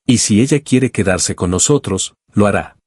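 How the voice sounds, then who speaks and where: A protective widowed father in a spoken story speaks with firm defiance, read by a man. His voice is low and husky. The recording is dry. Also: lively intonation, normal speed, a little mellow, no room sound.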